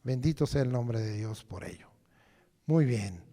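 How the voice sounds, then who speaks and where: A man's voice: medium pitch, expressive, unhurried, mellow, in a large hall. A man preaching a Sunday sermon in church, rhetorical and repetitive, often asking the congregation "right?". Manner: rhetorical, repeats phrases and asks "right?". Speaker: lay preacher. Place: church during Sunday service.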